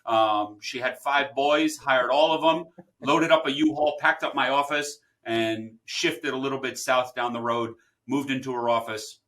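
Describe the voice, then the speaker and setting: A middle-aged man from the United States, a podcast guest telling his business story in an animated way and acting out the people he quotes. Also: medium pitch, a little slow. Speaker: podcast guest, title company founder. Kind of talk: storytelling interview answers.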